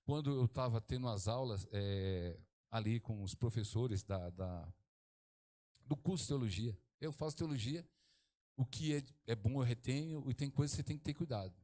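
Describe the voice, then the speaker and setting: A middle-aged man from Brazil, preaching a sermon as pastor, swinging from hushed to exclaiming. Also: mid-range voice, normal speed.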